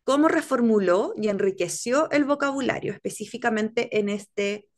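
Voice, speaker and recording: A woman's voice: fairly high pitch, animated, normal speed. Woman leading a teacher workshop. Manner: explanatory, checks in with frequent "¿cierto?". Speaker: workshop instructor. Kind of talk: online teacher training lecture.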